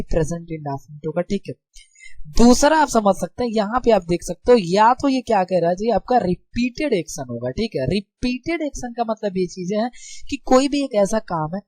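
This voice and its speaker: A man's voice: sits high, darkish tone, no room sound. A young man teaching a grammar lesson in a casual, friendly way. He keeps asking rhetorical questions and checking that his students follow. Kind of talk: casual classroom explanation.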